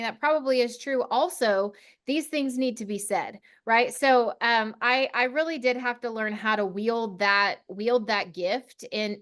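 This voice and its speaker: A woman's voice: on the high side, fairly bright tone. A woman in her forties from Oklahoma, a podcast guest talking confidently and articulately about leadership in a casual interview. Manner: confident and articulate, self-deprecating. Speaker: podcast guest, CEO of a consulting firm.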